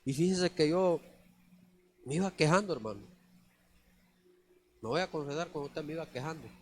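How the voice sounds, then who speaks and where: A man's voice: a little high, normal speed, a little hiss or hum. A man preaching a conversational church sermon, often calling the listeners brother. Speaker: lay preacher. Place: church sanctuary.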